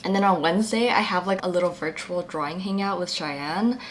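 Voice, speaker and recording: A young woman in her twenties chatting casually in a vlog voice-over, still husky with her morning voice, upbeat and full of fillers. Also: fairly low pitch, a little fast, slight background noise. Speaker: vlogger and small shop owner.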